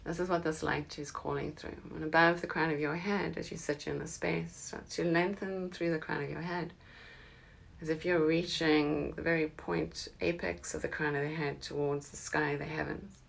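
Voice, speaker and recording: A woman leading a guided meditation, speaking slowly and soothingly and often dropping into soft whispers. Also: deep voice, little pitch movement, vocal fry, low-quality recording.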